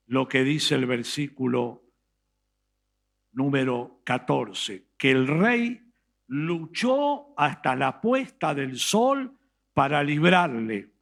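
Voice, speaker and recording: A man with an Argentine Spanish accent, preaching a sermon as pastor and retelling a scripture story with emphatic, dramatic pauses. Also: on the high side, a bit bright. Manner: reads scripture aloud slowly.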